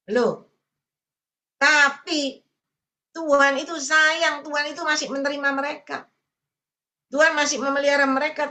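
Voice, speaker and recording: A woman evangelist delivers a sermon in a high, bright voice. She tells her stories directly to the congregation and keeps calling them brothers and sisters. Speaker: evangelist preacher.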